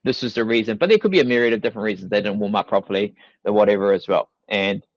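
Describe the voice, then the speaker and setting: A young New Zealand man, a fitness coach, chats as a guest on a casual podcast interview, rambling loosely and leaning on fillers like "you know" and "like". His lowish voice comes rapid-fire over a dull, dry studio sound.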